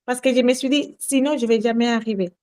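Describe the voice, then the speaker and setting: Woman, Spanish accent, sales trainer, earnest, repeats herself, fairly high voice. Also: fairly even intonation, fast talker, a little mellow. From Latin America. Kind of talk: casual group training call.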